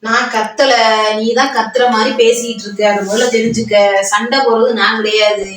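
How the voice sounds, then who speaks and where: A woman's voice: fairly high pitch, fairly even intonation, a bit bright, heavy reverb, recorded from a distance, low-quality recording. A woman pranking her husband at home, bickering insistently and repeating herself. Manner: insistent, repetitive, quick bickering. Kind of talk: staged couple argument. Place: home room.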